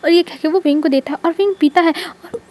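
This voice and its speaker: A woman's voice: extremely high pitch, fast, darkish tone. A woman retelling a romance fanfiction in a chatty, run-on storytelling manner.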